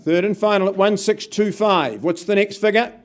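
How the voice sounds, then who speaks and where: High-pitched male auctioneer calling bids. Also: normal speed. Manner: projected, emphatic count-down calls to the room. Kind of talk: live property auction calling. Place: live auction room with bidders.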